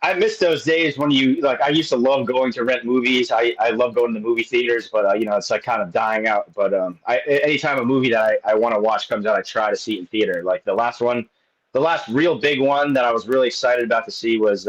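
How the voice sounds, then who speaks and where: A man's voice: mid-range voice, brisk. Muffled, rambling man in his thirties. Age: 30s. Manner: rambling, with many restarts and fillers. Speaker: guest. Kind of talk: casual chat.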